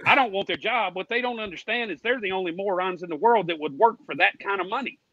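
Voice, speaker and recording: On a racing fan show, an American male guest rants in a heated, combative, indignant way, talking fast in a high-pitched, slightly bright voice. He's folksy, dropping "ain't" and "y'all" amid plenty of swearing. The audio is dull with no room sound.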